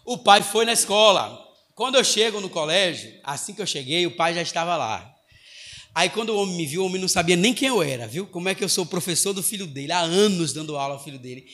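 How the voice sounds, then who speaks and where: A man with a Brazilian Portuguese accent, a missionary preacher telling stories to a church congregation, acting out dialogue and rising to loud emphasis. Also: high voice, lively intonation, quick pace. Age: former schoolteacher, adult. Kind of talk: sermon storytelling.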